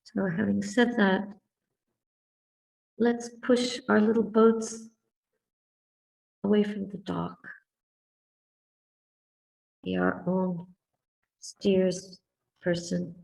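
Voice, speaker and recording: A woman meditation teacher speaks very slowly, leaving space after each short phrase. Her soft voice is mellow and relaxed, with a creaky edge at the ends of phrases. She guides listeners in a calm, contemplative way. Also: medium pitch, far from the mic, rough recording. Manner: calm, deliberate, contemplative, with long pauses between short phrases. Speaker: Buddhist nun teaching and guiding meditation. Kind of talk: Dhamma talk and guided meditation.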